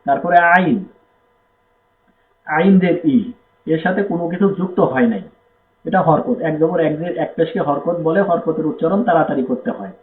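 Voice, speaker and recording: High-voiced man teaching Quran letters. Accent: Bangladeshi Bengali. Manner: explains rules, then drills letters and syllables slowly. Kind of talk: step-by-step recitation lesson. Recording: echoey, tinny phone-like sound with faint noise.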